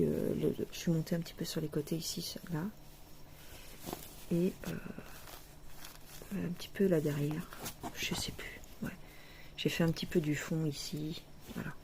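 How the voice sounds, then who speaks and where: Creaky-voiced woman chatting about her stitching. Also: sits low, a little mellow, a little hiss or hum. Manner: chatty and self-mocking, often dropping to a near whisper. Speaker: cross-stitch vlogger. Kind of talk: casual chat showing her stitching.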